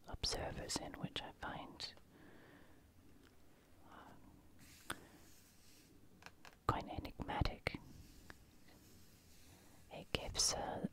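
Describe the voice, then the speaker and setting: An ASMR host whispers softly and croakily without voicing, musing about paintings as they page through a book and read passages aloud.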